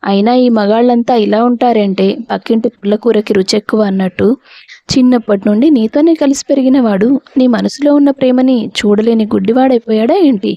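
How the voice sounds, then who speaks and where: A woman's voice: fairly high pitch, a little fast, warm tone, no room sound, lo-fi sound. A woman voicing an outspoken young woman friend who worries over her crying roommate. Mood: concerned. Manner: outspoken, teasing. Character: young woman, blunt caring hostel friend.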